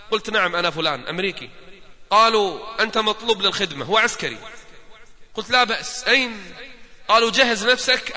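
A man's voice: sits high, bright, forceful tone. A man preaching a sermon, retelling stories with quoted dialogue and rhetorical questions to his listeners. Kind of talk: sermon storytelling. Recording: long hall reverb.

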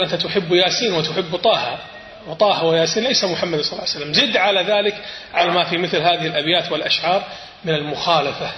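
Bright, fairly high male preacher, echoing hall. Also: slight background noise. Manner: explanatory, with pauses to correct recitation. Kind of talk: sermon. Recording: echoey hall.

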